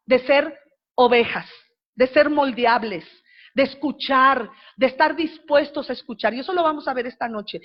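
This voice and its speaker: Woman pastor, middle-aged, high voice, conversational sermon, slightly muffled recording. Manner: conversational, asks the congregation questions.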